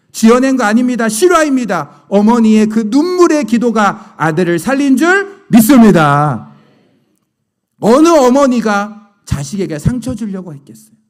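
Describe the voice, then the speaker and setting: A middle-aged male pastor preaching a sermon, telling stories and asking the congregation rhetorical questions. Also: high-pitched.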